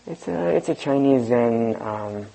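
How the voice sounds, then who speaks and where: Soft-spoken male meditation teacher, gravelly and unhurried, low voice. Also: lively intonation, low-quality recording. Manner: slow, reflective, soft-spoken with pauses. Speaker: dharma teacher. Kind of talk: group dharma discussion.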